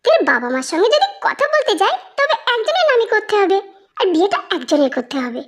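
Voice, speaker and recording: Brisk, bossy middle-aged mother, high and lively, for a fan audio drama, voiced by a narrator. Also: heavily acted. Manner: brisk, commanding.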